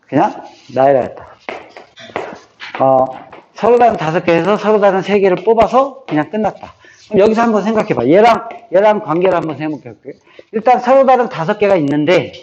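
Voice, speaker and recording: A man's voice: high voice, a little mellow. A man teaching a math lesson, who repeats key phrases for memorizing and checks in with his students again and again. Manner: checks in with listeners, often tacking on a questioning "eo?". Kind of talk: classroom lecture on combinatorics. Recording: slightly dull, faintly noisy lecture recording.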